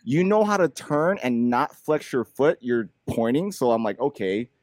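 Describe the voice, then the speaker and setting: A man's voice: medium pitch, lively intonation, normal speed, a little mellow, no echo. A man hosting a podcast in casual chat, talking with a slight lisp and many fillers. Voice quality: slight lisp from dental aligners. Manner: chatty, rambling with many fillers. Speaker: podcast host.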